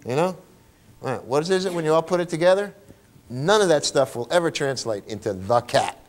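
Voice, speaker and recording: Guy running a teacher workshop, kinda higher voice, fires off questions and keeps saying okay. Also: fairly quick. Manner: animated, rhetorical questions, checks in with okay. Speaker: teacher trainer.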